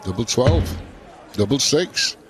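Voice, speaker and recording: A man's voice: mid-range voice, animated, slow pace. A man co-commentating on live darts with short, matter-of-fact remarks. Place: commentary position at darts event. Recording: crowd noise behind commentary.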